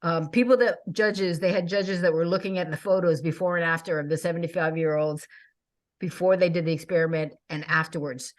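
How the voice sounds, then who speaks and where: A woman in her sixties with a lowish voice hosts a relaxed conversation. She talks eagerly, piling up encouragement and breaking into easy laughs. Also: fairly quick. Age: 60s. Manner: enthusiastic, chatty, laughs often. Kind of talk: casual chat.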